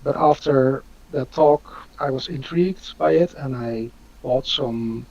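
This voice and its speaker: A man's voice: mid-range voice, slow, mellow. A man, hosting a live Q&A on a video call, talking hesitantly with many fillers. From Netherlands. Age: 50s. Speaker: host. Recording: dull lo-fi audio.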